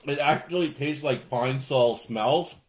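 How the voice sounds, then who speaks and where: A man co-hosting a casual snack taste-test chat, joking with quick asides and frequent laughs. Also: medium pitch. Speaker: co-host.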